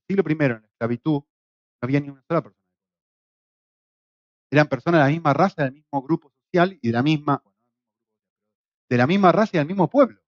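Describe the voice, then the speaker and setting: A middle-aged Argentine man teaching a Bible course, lecturing lively and acting out quoted voices. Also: fairly high pitch, dull audio. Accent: Argentine Spanish. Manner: lively, acts out quoted voices with shouts and jokes. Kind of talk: classroom lecture. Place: classroom in Spain.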